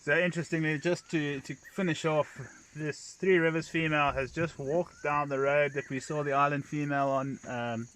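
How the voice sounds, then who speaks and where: A man gives live wildlife commentary as a safari guide, in measured, hesitant phrasing. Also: a little high, steady tone, fairly bright tone. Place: outdoors at night in a safari vehicle. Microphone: cell phone. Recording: noisy outdoor phone livestream, insects, vehicle.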